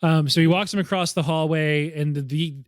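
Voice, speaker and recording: A man's voice: on the high side, a little fast, no room sound. Chatty man losing his voice, dry mic. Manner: animated, recounts scenes acting out lines. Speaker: podcast co-host. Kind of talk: casual film discussion.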